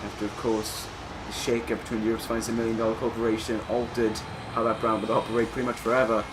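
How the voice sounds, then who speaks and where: A man's voice: fairly low pitch, little pitch movement, fast, noisy background. A man doing wrestling commentary on a video game in a conversational, self-correcting way.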